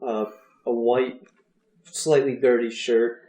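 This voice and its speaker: A man's voice: medium pitch, flat delivery, slow pace, mellow. A man narrating as game master in a tabletop game, describing scenes unhurriedly with small hesitations. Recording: roomy echo.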